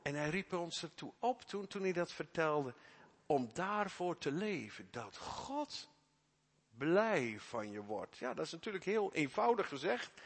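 A middle-aged man preaches an earnest, emphatic sermon to his congregation. His voice sits somewhat high for a man. A long reverb trails each phrase through the church. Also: a bit bright, breathy edge. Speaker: pastor.

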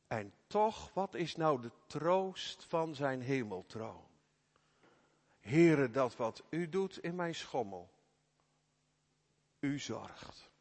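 Preacher in an echoing hall. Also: male voice, animated, extremely slow, pauses often. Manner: emphatic, swings between soft low asides and loud raised calls. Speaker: pastor. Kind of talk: sermon. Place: church. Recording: reverberant church hall.

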